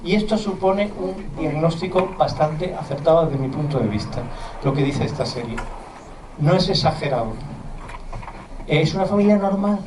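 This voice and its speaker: A man's voice: fairly high pitch, a little mellow. A middle-aged man from southern Spain with a mild Andalusian accent, giving an earnest, conversational public lecture to parents as a physician, with asides to the audience. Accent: mild Andalusian Spanish. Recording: roomy hall, distant mic, faint background noise.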